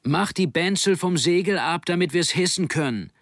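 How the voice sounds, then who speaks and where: A man voicing a determined teenage boy who shouts urgent orders while sailing in a storm. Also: mid-range voice, a little slow, gravelly, breathy edge, no echo, studio quality, full character voice. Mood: urgent, shouting.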